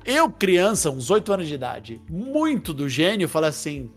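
Casting note: a high-pitched man, animated and laughing as he tells a story in relaxed chat. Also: moderate pace, faint music behind.

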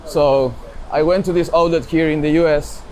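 A man from Chile with a Chilean Spanish accent, answering interview questions in a relaxed way and sometimes searching for English words. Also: a little high, moderate pace. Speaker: startup founder, interview guest. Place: outdoors in a city with traffic nearby.

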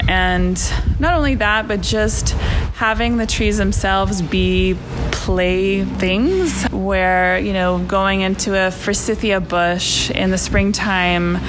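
Reflective woman educator, faint noise. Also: medium pitch. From Virginia, USA. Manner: reflective, measured, with fillers. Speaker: course coordinator and educator. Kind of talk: interview answers.

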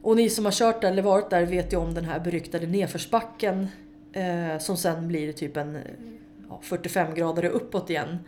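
A woman, a guest in an interview, telling lively stories about racing her car, swearing freely and laughing along the way. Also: on the low side, slight background noise. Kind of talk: casual interview storytelling.

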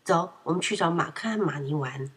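A woman's voice: sits low, a little fast, slightly rough. A woman voicing a proud, quarrelsome young boy in a children's story, raising her voice when he gets upset. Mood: childlike. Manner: excitable, shouts when upset.

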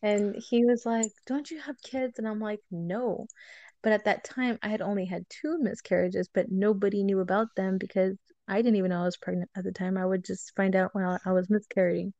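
A woman speaks in a warm, relaxed register, recounting a personal story to a podcast host. She animates quoted dialogue as she goes, and the recording is dry and close with no room sound. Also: mid-range voice, a little fast, no echo, muffled recording. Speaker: guest telling a personal story. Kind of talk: casual podcast chat.

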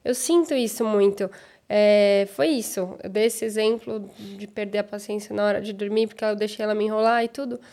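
A woman's voice: medium pitch, fairly even intonation, a little fast, warm tone. A Brazilian woman hosting a podcast, talking candidly and reflectively about her own experience as a mother. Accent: Brazilian Portuguese. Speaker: podcast host. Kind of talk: casual conversation.

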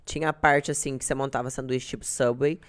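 A young Brazilian woman chats casually as a podcast guest, telling self-deprecating stories. Her voice rumbles low and stays steady, and she talks fast.

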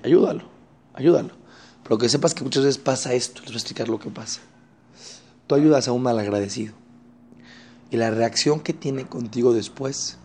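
A man giving a religious lesson on Torah ethics, talking in an animated way and acting out the people he quotes. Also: medium pitch. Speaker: Torah teacher.

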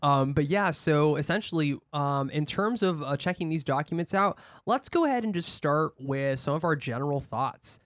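A man's voice: fairly high pitch, lively intonation, moderate pace, hardly any pauses, dry recording. Chatty male podcast co-host, dry sound. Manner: chatty, laughs often, frequent fillers and restarts. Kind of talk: casual podcast chat.

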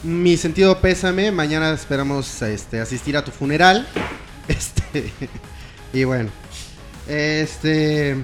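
A man's voice: fairly high pitch, takes it slowly, soft background music. A man with a Mexican accent co-hosting a podcast, reading out viewer comments in slangy, teasing casual chat.

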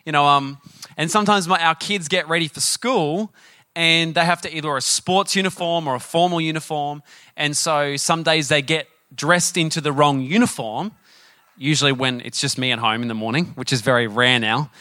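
With a fairly high pitch and normal speed, a middle-aged man preaches as a pastor, animatedly recounting personal stories. He keeps asking the audience questions in a chatty manner, and the audio has no echo.

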